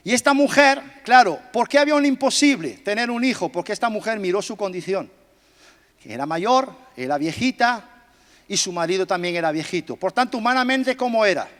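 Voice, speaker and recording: A man's voice: high-pitched, a bit bright. A man preaching a sermon in a church hall, emphatic, joking and asking the congregation questions. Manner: emphatic, quizzes the congregation, jokes. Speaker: pastor. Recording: long reverb of a church hall.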